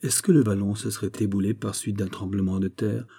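A man voicing D'Artagnan, a shrewd musketeer, teasing and quick-witted. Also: on the low side, fairly even intonation, dark tone, husky. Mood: probing. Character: shrewd ironic male musketeer.

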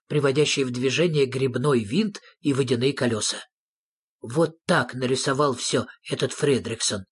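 A narrator reading a children's story aloud with expressive storytelling. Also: medium pitch, slightly rough.

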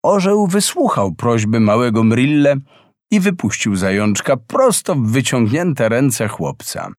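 A man reads a fairy tale slowly, taking his time over each phrase. His voice rises and falls with lively expression. The recording is dry and close. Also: mid-range voice, dry recording. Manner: expressive, unhurried reading. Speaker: narrator. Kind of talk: storybook narration.

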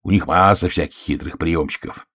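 A man's voice: deep voice, fairly even intonation, normal speed, a bit bright. A man reading an audiobook, voicing a bluff, jovial older colonel with a teasing manner.

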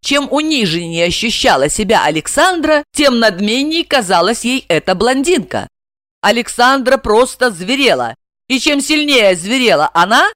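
Выразительная рассказчица с насмешливыми ремарками, голос чуть выше среднего, сухая близкая запись. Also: female voice, on the high side, no room sound, studio quality. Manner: ironic, lively asides. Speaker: narrator. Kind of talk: expressive ironic storytelling.

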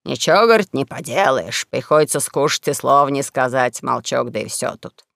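A woman voicing a gruff, scheming old con man who poses as a king, speaking in a low menacing growl. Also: expressive, fairly quick, fairly bright tone, no echo, studio quality, heavily acted. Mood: snarling.

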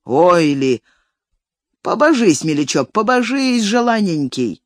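Old male steward in terror, put on by a reader, wailing, rustic folksy speech, lively swooping pitch, storybook reading. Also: slow, dry recording, clean studio sound. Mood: panicked pleading. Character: frightened old male farm steward, whining.

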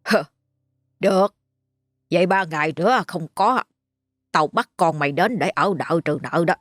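A woman's voice: fairly low pitch, a little slow, dry recording, studio quality. A woman voicing a stern, rich male landlord who talks down to his tenants. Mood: threatening. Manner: blunt, scolding, talks down to others. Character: rich stern middle-aged male landlord, gruff and scornful.

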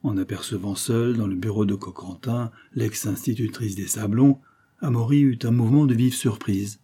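A man narrating an audiobook of a classic novel in a steady literary manner. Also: fairly low pitch, moderate pace, slightly rough. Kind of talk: audiobook reading.

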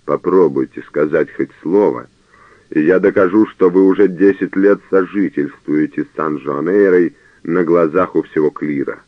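A man voicing a cornered young male priest who talks with feigned calm and snaps back, on a narrow phone-like radio recording. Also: low-pitched, normal speed, no room sound. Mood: defiant.

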